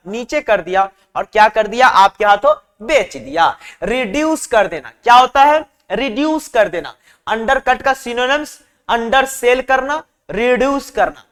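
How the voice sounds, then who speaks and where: Male vocab tutor, chatty drill style, echoing hall sound. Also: very high-pitched. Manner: repetitive call-and-response drilling; warm and chatty with students. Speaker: vocabulary teacher. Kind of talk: exam-prep vocabulary lesson.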